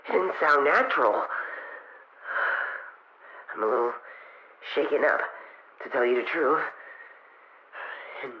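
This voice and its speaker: A man's voice: mid-range voice, expressive, takes it slowly, long pauses. A man playing Tails as a young fox adventurer, recording a hesitant, vulnerable expedition log in an audio drama. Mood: shaken. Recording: dull lo-fi recording with noise, clicks.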